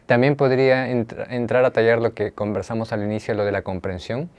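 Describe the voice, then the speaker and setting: A man's voice: medium pitch, level tone, brisk, darkish tone. A man hosts an interview. He keeps his questions brief and nods along with short acknowledgments. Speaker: interview host.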